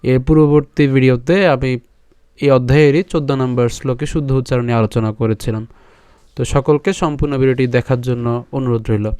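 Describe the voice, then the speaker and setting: A man teaching a scripture class, slowly breaking verses into syllables and chanting them, often pausing to ask and answer his own questions. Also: mid-range voice, steady tone, darkish tone, smooth, no echo, studio quality. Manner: repeats "ঠিক আছে" and asks himself questions. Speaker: Gita teacher. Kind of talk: recitation lesson on Sanskrit pronunciation.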